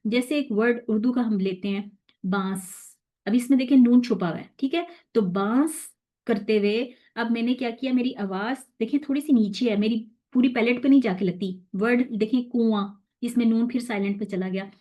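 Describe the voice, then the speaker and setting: A woman teaching Quran recitation rules in a patient, explaining manner, slowly stretching out the recited verses and often checking that listeners follow. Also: fairly high pitch, mellow, muffled recording. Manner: checks in with "theek hai?". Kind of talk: online tajweed lesson.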